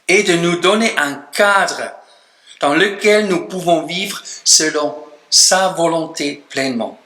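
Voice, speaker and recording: A man preaching a sermon as pastor, emphatic, his voice dropping low and soft at the ends of phrases. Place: church hall. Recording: echoey church room.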